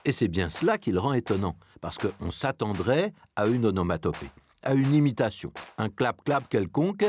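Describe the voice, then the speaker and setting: A man giving scripted commentary on the origins of a word, with expressive explanatory delivery. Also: lowish voice, normal speed, slight background noise. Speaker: language columnist.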